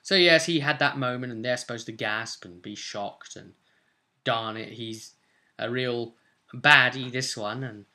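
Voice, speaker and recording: A medium-pitched, sharp-toned male voice moves at a measured pace. He's a twenty-something Brit and game master who recaps sessions as a vlogger, chatting casually and meanderingly to camera with tag questions in a small indoor room at home.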